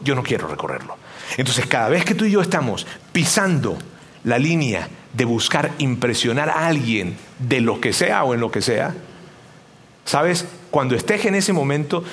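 A man preaching a sermon, firing rhetorical questions and acting out little dialogues. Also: medium pitch. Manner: animated, rhetorical questions, acts out voices. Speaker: pastor.

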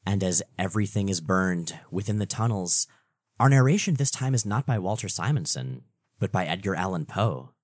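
A man with a fairly low, animated voice recaps comics as a podcast co-host. His storytelling is expressive and conversational, recorded very dry. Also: normal speed, no room sound.

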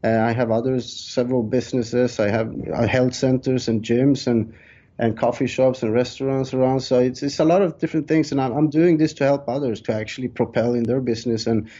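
Heard over dull, lo-fi call audio, a man in his 30s from Sweden chats through an interview as a guest, a real estate developer with a Swedish accent. His voice is mid-range, mellow and steady, moving a little fast.

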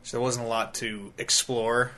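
A man's voice: mid-range voice, flat delivery, normal speed, sharp tone. A man hosting a gaming podcast, telling a rambling travel story in casual chat, swearing freely. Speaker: podcast host.

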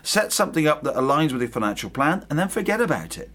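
A man's voice: a little high, very animated, quick pace, fairly bright tone. A man hosting a podcast, explaining and giving tips in a conversational way.

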